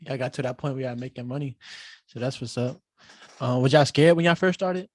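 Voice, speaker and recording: A man's voice: mid-range voice, brisk, no echo. A man hosting a casual group podcast interview, talking in a slangy, laid-back way and laughing easily. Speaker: podcast host.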